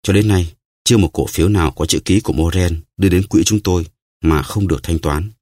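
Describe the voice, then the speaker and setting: A man's voice: low-pitched, a little fast, darkish tone, no echo, studio quality. A man voicing a ruined, grief-stricken merchant who talks in a choked, solemn way in an audiobook. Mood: grieving.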